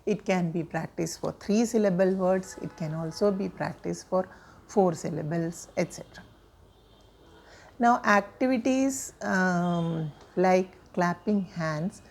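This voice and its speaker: A woman lectures teachers on how children learn to read. She explains each step in a measured, patient way, pausing on frequent fillers as she gathers her thoughts. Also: lowish voice, creaky, a little mellow. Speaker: teacher trainer.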